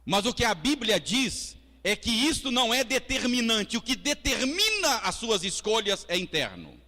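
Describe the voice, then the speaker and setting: A man's voice: very high voice, normal speed. Man, Brazilian Portuguese accent, pastor, Sunday school sermon, conversational, church reverb. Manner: lively, conversational preaching with audience asides and acted quotes. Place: church hall.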